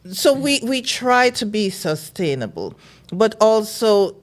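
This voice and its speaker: A middle-aged woman from Jamaica, a librarian and guest, telling her story in calm, measured casual interview talk. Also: mid-range voice.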